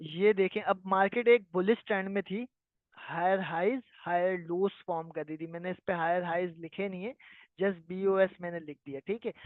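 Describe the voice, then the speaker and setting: A man's voice: high-pitched, no room sound. A man teaching a live online trading lesson, patiently explaining and often checking that his listeners follow. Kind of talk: live online lesson answering viewer questions. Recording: tinny phone-like sound, dry.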